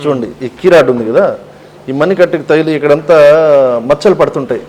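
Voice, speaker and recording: A man, a shop owner explaining things slowly and emphatically as an interview guest. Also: on the high side, darkish tone, a little hiss or hum, low-quality recording. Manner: slow, emphatic, explains step by step.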